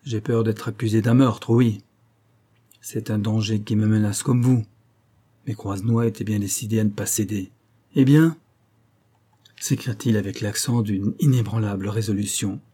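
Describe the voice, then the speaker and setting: A desperate young aristocrat, read by a man, pressing his case with rising heat. The voice sits low and dark, with a husky grain. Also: fairly even intonation, normal speed. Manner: heated, insistent pleading. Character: proud cornered young nobleman, desperate.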